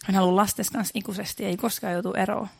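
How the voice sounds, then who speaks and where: A woman's voice: medium pitch, steady tone, vocal fry, breathy edge, no echo. A woman preaching a sermon in an earnest, repetitive way, building emphasis as she goes.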